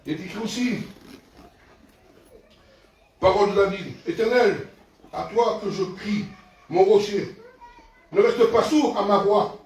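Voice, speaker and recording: Older man, pastor, emphatic and repetitive, high voice, booming hall reverb. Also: unhurried, pauses often. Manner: emphatic preaching with repeated questions, bursts of shouting. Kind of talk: sermon. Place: large echoey hall. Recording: very echoey hall, voice from a distance.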